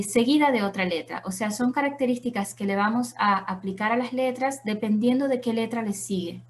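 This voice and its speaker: A woman with a slightly high voice gives a patient, explanatory lesson. She walks through each rule step by step and keeps checking in with her listeners. She slows right down to repeat her examples. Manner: patient, checks in with "¿ok?" and "¿verdad?" often, repeats Arabic examples slowly. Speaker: Quran recitation teacher.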